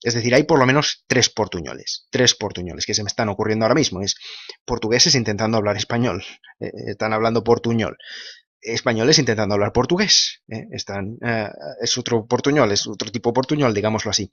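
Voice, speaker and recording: A man talks briskly to his camera, answering viewer comments and thinking out loud. He keeps checking in with little tag questions as he goes. The sound is close and dry, and a bit dull and lo-fi. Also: lowish voice, breathy edge, dry recording. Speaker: video blogger answering comments. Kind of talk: casual monologue.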